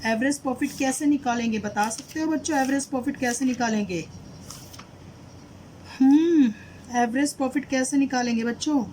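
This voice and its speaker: Woman teaching accounts, slightly high voice. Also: normal speed, mellow, slight background noise, poor audio. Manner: asks students questions and repeats "did you understand?"; mixes English terms into Hindi explanations. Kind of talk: explaining a solved problem.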